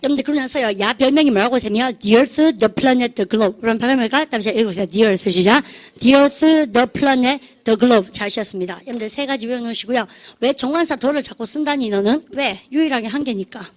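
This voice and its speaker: A woman speaking as a chatty English teacher with a lilt and a slightly high voice. She runs vocabulary drills with call-and-response and slips in jokes between the words. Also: quick pace, hardly any pauses. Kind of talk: lively classroom lecture.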